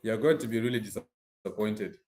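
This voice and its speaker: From an echoey indoor room, a man from Nigeria streams live, speaking directly to viewers in relaxed slang with a Nigerian accent. His voice is on the low side and darkish, at a moderate pace.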